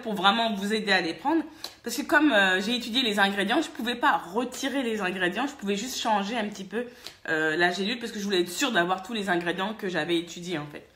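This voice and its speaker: A French woman vlogger from France, telling a casual, chatty story and laughing often. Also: mid-range voice. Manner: lively, chatty, laughs often, many fillers. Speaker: vlogger and hair-care business owner.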